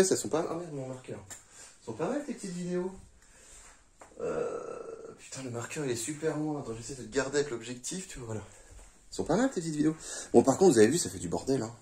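A man with a fairly high but dark-toned voice casually reviews a gun for his viewers while shooting outdoors, rambling and swearing a lot. A phone a few meters away recorded him, so the sound is echoey and distant.

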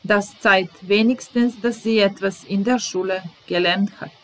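Slow, careful woman teaching German words. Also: medium pitch, steady tone, faint music behind, poor audio. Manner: reads each German example, translates it, then repeats it. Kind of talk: slow bilingual vocabulary lesson.

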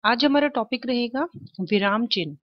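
A woman's voice: a little high, expressive, normal speed, no room sound, lo-fi sound. A woman teaching an exam-prep lesson, explaining step by step and answering her own questions.

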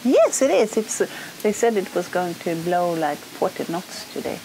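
A middle-aged woman from Sweden with a Swedish accent, chatting casually in English while cooking and eating in a small boat cabin, relaxed and laughing easily. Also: on the low side, normal speed, noisy background. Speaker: sailing vlogger.

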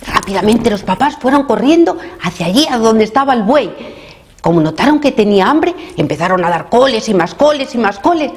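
A woman with a Spain Spanish accent reading a children's story aloud, animated and speaking straight to young listeners. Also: fairly high pitch, a little fast.

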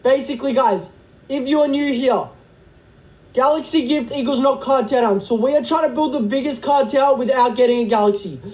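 Frantic high-voiced young streamer guy. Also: brisk, a little mellow, lo-fi sound. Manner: frantic, pleading, repeats himself. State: nervous, shaky hands. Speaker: livestreamer. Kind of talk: comedic livestream skit.

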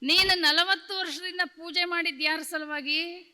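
Bright sharp-voiced lady preacher, tells stories, big echoey hall. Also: very high voice, steady tone, a little slow. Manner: rhythmic, repeats lines for emphasis. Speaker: spiritual preacher. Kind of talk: religious discourse.

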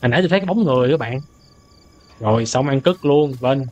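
A young man doing let's-play commentary on a horror game, easily startled into loud outbursts and translating the game's English lines aloud as he goes. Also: mid-range voice, animated, fast, muffled recording. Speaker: gaming streamer.

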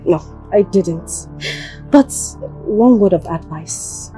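Woman playing a mocking nigerian schoolgirl, mellow warm voice, music behind. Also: mid-range voice, takes it slowly, lightly acted. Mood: taunting. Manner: taunting, mocking. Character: taunting schoolgirl who threatens a rival.

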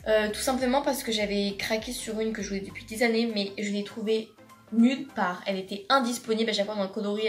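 A teenage girl talks in a chatty, gushing way, full of fillers and restarts, as she shows off her things in a casual vlog. Her voice sits at a middle pitch. It is picked up by a camera across her bedroom, so it sounds roomy and a bit distant. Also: background noise. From France. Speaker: vlogger. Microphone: camera across the room.

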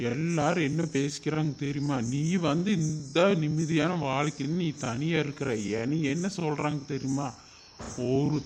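A man's voice: a little high, slight background noise, lightly acted. A man playing a grown son who pleads with his mother to come home, frustrated by gossip at work and in town. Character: worried grown son, office worker. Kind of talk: village family drama acting.

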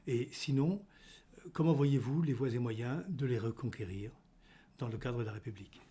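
A man's voice: medium pitch, moderate pace, dark tone, slightly rough. An older man hosting an interview, asking long formal questions with hesitant fillers, recorded on a desk studio microphone in an office. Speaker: podcast host, politician. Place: indoor office.

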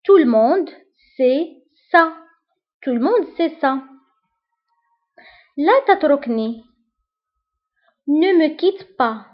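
A woman giving a language lesson, explaining briefly and then repeating each phrase with careful, deliberate enunciation. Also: high-pitched, animated. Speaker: French teacher. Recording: dull lo-fi recording.

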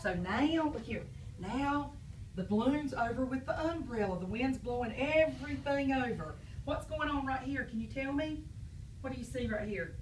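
A woman's voice: high-pitched, animated, normal speed. A woman with a Southern US accent teaching young children through a picture-book read-aloud, earnest and upbeat, prompting them with questions and echoing their answers. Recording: echoey room, distant mic, faint noise.

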